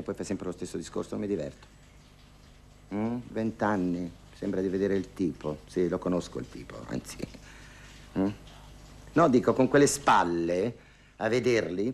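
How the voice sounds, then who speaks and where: A man's voice: on the low side, slight background noise. A man playing a gossipy, lonely older lady. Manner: gossipy, sighing, wryly complaining. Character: lonely, wry older woman hiring a dance partner. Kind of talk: theatrical monologue on the phone.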